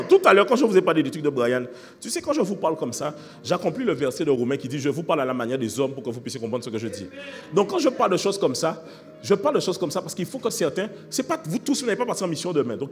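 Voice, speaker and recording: A man preaching a sermon as pastor, fervent, shifting from shouted calls to fast, quiet explaining. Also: on the high side, long reverb tail. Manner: fervent preaching, swings between shouting and rapid quiet talk.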